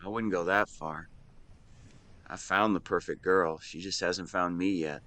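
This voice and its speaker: A man in his twenties, low-voiced and unhurried with a steady yet sharp tone, plays a devoted, protective best friend who is secretly lovesick in an intimate, one-sided conversational audio roleplay. He comes across earnest and playful with some hesitation, and the mood is wistful and resigned.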